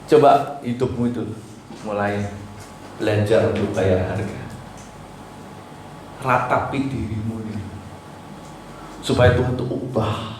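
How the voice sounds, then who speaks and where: A man's voice: on the low side, fairly even intonation, takes it slowly, long pauses. Pastor, male, emphatic sermon delivery, faint hiss in the background. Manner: exhorting, pleading and emphatic, swinging between loud and soft. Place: church hall. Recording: echoey church hall with faint noise.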